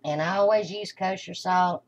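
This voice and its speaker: A female home cooking host gives folksy, plain instructions step by step while working at her kitchen stove. Her voice is on the low side at a moderate pace. Dull lo-fi camera sound captures kitchen noise too.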